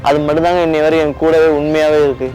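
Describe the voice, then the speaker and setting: A man's voice: on the high side, level tone, fast talker, a little mellow, natural voice, low-quality recording. A young man playing a broke, humble young man who pleads politely and cries over his debts. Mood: tearful. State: crying. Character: broke, tearful young man drowning in debt. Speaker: actor in a short video drama. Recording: background music under the voice.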